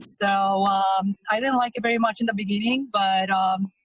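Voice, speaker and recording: A Romanian-born woman in her thirties is a guest in a casual testimonial interview, talking loosely and chattily with frequent hesitations. Her medium-pitched voice has fairly even intonation and moderate pace; the recording is muffled with no room sound.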